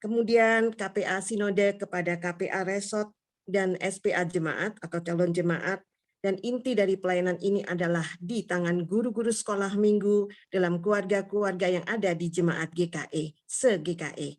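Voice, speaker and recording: Female church commission leader, average pitch, formal and orderly address. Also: fairly even intonation, moderate pace. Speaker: chair of a church children's ministry commission. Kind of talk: formal closing address at an online church seminar.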